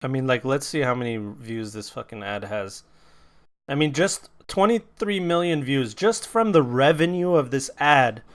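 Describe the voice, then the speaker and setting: A young man co-hosts a casual podcast, venting bluntly and swearing freely. His voice is smooth and resonant and sits at an ordinary pitch for a man. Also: moderate pace. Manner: blunt, profane, animated venting. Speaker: podcast co-host.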